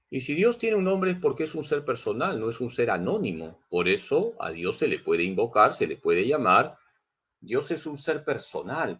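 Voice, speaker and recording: Emphatic priest, slow and lively. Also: male voice, on the low side, breathy edge. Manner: emphatic, repeats key points for teaching; addresses listeners as brothers. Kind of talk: catechism class.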